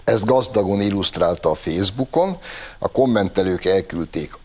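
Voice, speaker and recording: A man's voice: low voice, lively intonation. A man hosting an opinion talk show, commenting in a sarcastic, mocking way.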